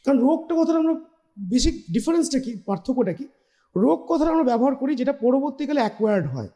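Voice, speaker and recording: A man's voice: extremely high pitch, big pitch swings, fast talker, warm tone. A male doctor, patiently explaining a health topic point by point on a TV interview and mixing in English terms.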